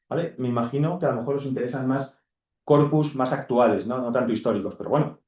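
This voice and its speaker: A man's voice: medium pitch, warm tone. A man lecturing a class, explaining step by step and often checking in with his students. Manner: explanatory, checks in with frequent "¿vale?". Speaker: university lecturer. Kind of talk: classroom lecture on corpus linguistics. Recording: echoey, dull lecture room recording.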